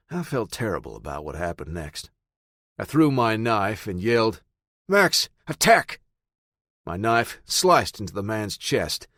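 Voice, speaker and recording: A man reads a first-person audiobook in a steady, matter-of-fact voice. His voice sits on the low side. The recording is dry and close. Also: dry recording. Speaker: audiobook narrator.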